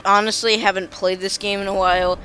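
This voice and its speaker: A man's voice: high-pitched, level tone, a little fast, pushed and bright, soft background music. A young man hosting a let's play, rambling and stammering through casual commentary and poking fun at himself. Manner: rambling, stammering, self-mocking.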